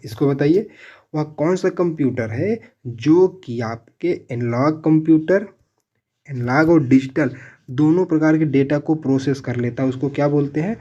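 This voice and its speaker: A man's voice: fairly high pitch, dark tone, lo-fi sound. Man drilling quiz answers, repeating each twice. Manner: asks each question, then repeats the answer several times; addresses viewers as friends. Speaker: exam coaching teacher. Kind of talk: quiz-style exam prep lesson.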